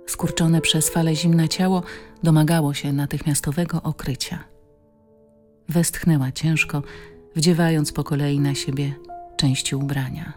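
A woman narrating an audiobook in a calm, measured, expressive reading style. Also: deep voice, soft background music. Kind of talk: scripted narration.

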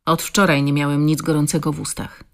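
A woman voicing a ragged, humble older man who speaks calmly in an audiobook. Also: deep voice, creaky. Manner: calm, slow-spoken.

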